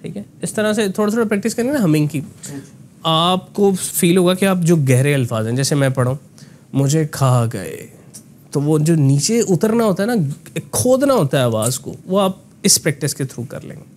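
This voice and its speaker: A man giving a conversational voice lesson with a slightly raised pitch. He explains step by step, dotting his sentences with tag words and English phrases. Faint noise sits behind him. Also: animated, fairly quick, darkish tone. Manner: explanatory, mixes in English phrases, frequent "ना" tags. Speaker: voice coach.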